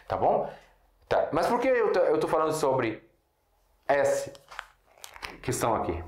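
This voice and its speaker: A man's voice: on the high side, sing-song, darkish tone, slight background noise. Arabic-speaking man teaching in an echoey room. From Syria. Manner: explains slowly with repeated examples and frequent check-ins. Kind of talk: casual video lesson at a board.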